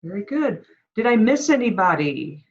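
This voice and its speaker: A woman's voice: medium pitch, sing-song, normal speed, a little mellow, dull audio. A woman instructor calling on students one by one during an online class. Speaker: course instructor. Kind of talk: online class roll call. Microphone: video call.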